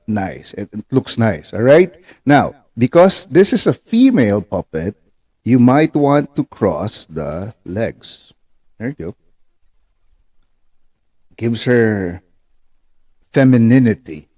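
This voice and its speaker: The ventriloquism teacher here has a mid-range voice with a darkish tone. During his demonstration he is patient and repetitive, checking in often through short tag questions.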